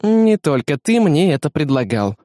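A man voicing a calm, caring female ship AI in a storybook reading, soft and composed with a light teasing edge. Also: on the high side, moderate pace, no room sound, clean studio sound, pitched above the performer's own voice. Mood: wry guiding. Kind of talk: audiobook character voice.

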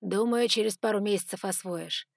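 A woman's voice: mid-range voice, moderate pace, gravelly, dry recording, clean studio sound. A woman voicing a sly, sarcastic male ice dragon who talks in a teasing, offhand way. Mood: reassuring.

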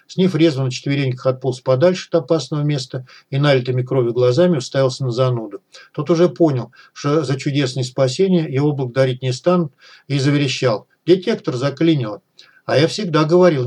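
Husky male audiobook narrator. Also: medium pitch, a little mellow. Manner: reads dialogue with small raised voices for characters. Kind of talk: scripted narration.

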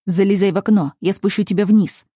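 Woman reading a hoarse young rescuer, mellow and dry. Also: medium pitch, steady tone, a little fast, dry recording, close to an everyday voice. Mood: urgent.

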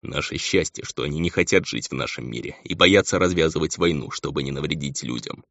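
A man reading an audiobook, voicing a hot-tempered red-haired demon lord with a gravelly voice. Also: a bass voice, brisk, a bit bright, dry recording, heavily acted. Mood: brooding. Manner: furious ranting. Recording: dull lo-fi audio.

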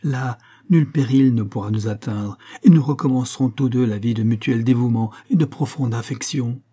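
A man's voice: mid-range voice, normal speed, dark tone, slightly rough, natural voice. A man voicing a passionate, desperate young Frenchman in an audiobook, with impassioned, pleading declamation. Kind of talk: audiobook character voice.

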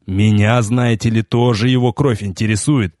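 A man's voice: on the low side, normal speed, no room sound, studio quality, voice pushed down, lightly acted. Man doing a cold, menacing sorcerer prince. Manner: cold, flat, contemptuous.

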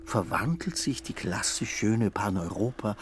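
A man with a low voice narrates a radio play in a lilting, dreamy way. A clear bed of ambient noise runs under his voice. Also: very animated, a little slow.

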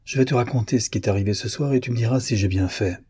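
A man's voice: mid-range voice, fast talker, a little mellow, husky, no room sound, studio quality. A man voicing a proud, moody young artist in an audiobook, curt and impatient. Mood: calm. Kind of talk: audiobook character reading.

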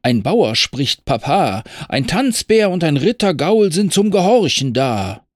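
A man voicing a proud, hot-tempered young cavalry officer who shouts shrilly and indignantly. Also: on the high side, very animated, unhurried, dry recording, clean studio sound, voice pushed up.

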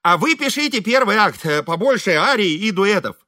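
A man's voice: high-pitched, very animated, moderate pace, sharp tone, pitched above the performer's own voice, heavily acted. A man voicing a pompous male composer who talks in a raised, theatrical voice.

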